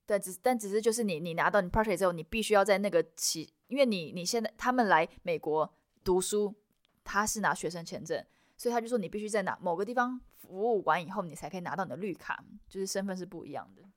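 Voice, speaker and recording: Fast-talking woman consultant. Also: mid-range voice, expressive, no room sound, clean studio sound. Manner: mixes English terms into Mandarin. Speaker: immigration consultant. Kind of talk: expert interview answers.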